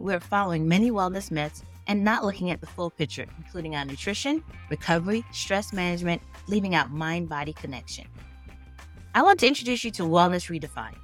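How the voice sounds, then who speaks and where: A woman with a lowish voice reads a scripted podcast promo. She sounds upbeat and persuasive, with faint music playing behind her. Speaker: podcast host reading an ad.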